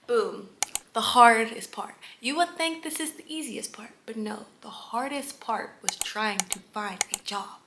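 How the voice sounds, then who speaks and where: A young woman in her late teens telling her story in a casual, chatty vlog, animated and prone to whispered asides. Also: a little high, unhurried. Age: young adult. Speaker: vlogger. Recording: echoey room with faint ambience.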